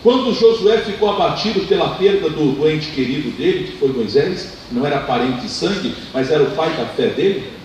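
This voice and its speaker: A Brazilian man preaching a sermon as pastor, with impassioned delivery that swings between loud appeals and hushed asides. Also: on the high side, lively intonation, a little fast, slight background noise. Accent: Brazilian Portuguese. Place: church hall. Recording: echoey church from a distance.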